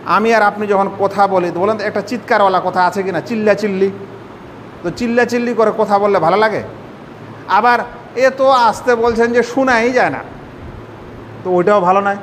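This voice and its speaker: An Islamic scholar with a high voice teaches how to pray in a sermon-style lesson, explaining step by step and posing rhetorical questions to the audience. He speaks at a moderate pace with long pauses, and the hall adds reverb and a faint rumble.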